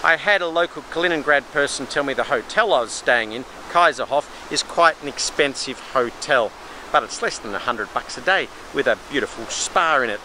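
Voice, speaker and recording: A man's voice: medium pitch, animated, moderate pace, sharp tone, poor audio. A middle-aged man giving an informative travel vlog narration. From Australia. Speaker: travel vlogger. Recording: faint outdoor background noise.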